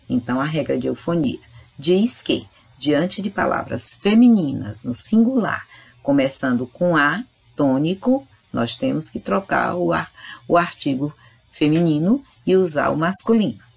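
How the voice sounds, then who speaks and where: A woman's voice: sits low, lively intonation, unhurried, creaky, slightly rough. A woman teaching a grammar lesson, explaining patiently and speaking directly to her students. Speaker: Spanish teacher. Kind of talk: recorded online grammar lesson.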